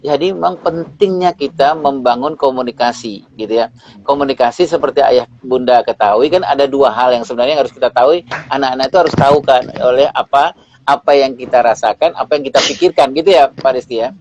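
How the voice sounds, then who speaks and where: A man's voice: mid-range voice, fairly quick, darkish tone. A man hosting a parenting talk, summing up and speaking straight to the listeners. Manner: addresses the audience directly, frequent backchannel murmurs. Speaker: host. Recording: muffled with faint noise.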